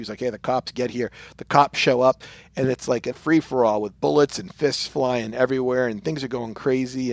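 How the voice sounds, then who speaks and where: Man, podcast host, gravelly voice, mid pitch, rambling casual recap, dry close mic. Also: no room sound. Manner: rambling, with many fillers, acts out lines in exaggerated voices.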